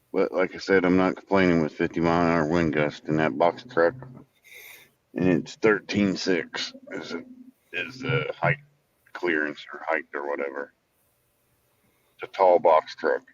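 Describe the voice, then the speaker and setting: A man's voice: sits low, fairly even intonation, moderate pace, pauses often, dull audio, a little hiss or hum. A middle-aged man with a folksy hillbilly drawl, chatting casually as he drives. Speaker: vlogger, warehouse worker. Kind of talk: casual rambling chat while driving. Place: inside a vehicle while driving.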